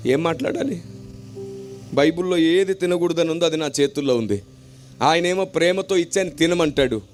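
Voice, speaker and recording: High-voiced emphatic male preacher. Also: normal speed, soft background music. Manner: emphatic, repetitive phrasing, dramatic storytelling. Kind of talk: sermon.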